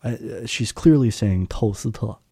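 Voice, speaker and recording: Male co-host, very dark mellow tone, chatty explainer. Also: on the low side, moderate pace, creaky, breathy edge. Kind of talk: casual podcast lesson.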